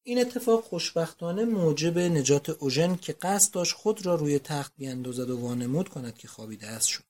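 Audiobook narrator, measured, mid pitch. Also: animated, a little mellow. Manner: measured storytelling. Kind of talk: audiobook reading.

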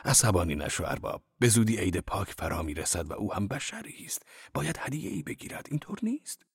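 Earthy old workman, coaxing and animated, low voice leaping upward, as a male reader puts him on; dry audiobook sound. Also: gravelly, husky, no echo, full character voice.

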